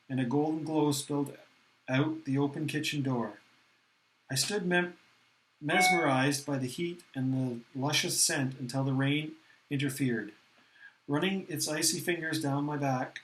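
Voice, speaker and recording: A man narrating a novel aloud in the first person, with a steady, earnest reading manner. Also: on the high side, poor audio.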